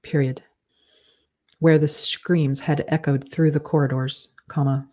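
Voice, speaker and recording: Slow dictation with spoken punctuation. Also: mid-range voice, flat delivery, darkish tone. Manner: says punctuation aloud and corrects with "undo". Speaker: author dictating a novel.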